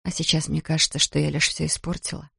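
A woman's voice: low-pitched, level tone, fast, gravelly, bright, forceful tone, breathy edge, no room sound, studio quality, exaggerated voice. A reader voicing a tired, anxious mother, a doctor, who pleads with her son. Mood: pleading weary.

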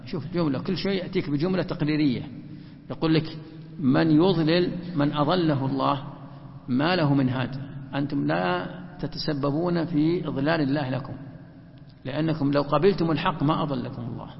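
A man teaching a religious lesson that explains Quranic verses. He repeats and stresses key phrases and slows down to recite quotations. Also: a little high, vocal fry. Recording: dull lo-fi recording in a reverberant hall.

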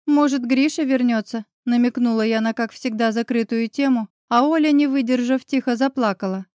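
A woman reading a novel aloud as a first-person audiobook narrator, with a smooth, even storytelling manner. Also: on the high side, a little fast, no echo, clean studio sound.

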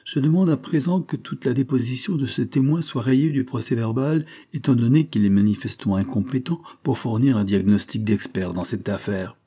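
A man voicing a bold, calm male trial lawyer who asks pointed questions in an audiobook reading. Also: mid-range voice, normal speed, few pauses, pitched above the performer's own voice, lightly acted.

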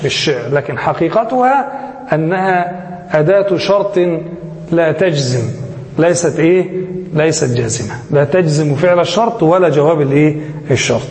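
A man's voice: fairly high pitch, expressive, moderate pace, a little mellow. A man teaching Arabic grammar as a sheikh, who keeps asking his class questions and answers them himself. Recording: echoey hall with faint hiss.

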